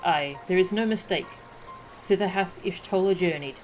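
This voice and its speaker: A woman reads aloud game dialogue for a solemn, scholarly man who speaks formal, archaic English, and the mood is grave. Her natural, lowish voice moves at normal speed, with faint music behind it and poor audio quality.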